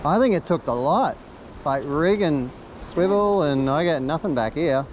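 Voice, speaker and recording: An Australian man chatting casually and excitedly while fishing, with a blokey, sweary tradesman's way of talking. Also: a little high, a little slow, lo-fi sound, slight background noise. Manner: rough-and-ready Aussie tradesman talk, blokey and sweary. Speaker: fishing vlog host. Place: outdoors on a boat at sea.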